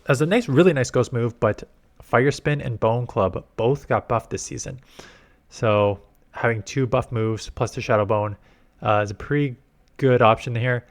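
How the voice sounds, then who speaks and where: A man from Canada giving casual commentary on game strategy, explaining at length and often correcting himself mid-sentence. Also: mid-range voice. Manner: rambling, self-correcting, explanatory. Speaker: gaming YouTuber.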